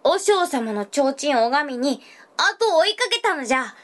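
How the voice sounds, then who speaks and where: A woman's voice: sits high, big pitch swings, normal speed, fairly bright tone. A woman voicing a clumsy, self-pitying young male fox cub in a read-aloud folk tale, in old rustic speech. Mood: earnest. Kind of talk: dramatized folk tale reading.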